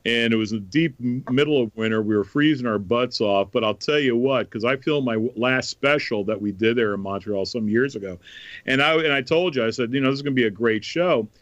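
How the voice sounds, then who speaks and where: A man hosting a podcast in casual chat, telling stories in an animated way. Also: medium pitch, a little fast, dry recording, dull audio. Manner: animated storyteller. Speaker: podcast host.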